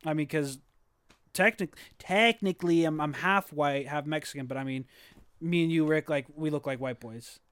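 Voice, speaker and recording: Smooth-voiced young man telling a rambling story. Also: fairly high pitch, moderate pace, a bit bright, no room sound. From Southern California. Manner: rambling storytelling with many restarts and fillers. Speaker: podcast co-host. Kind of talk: casual chat.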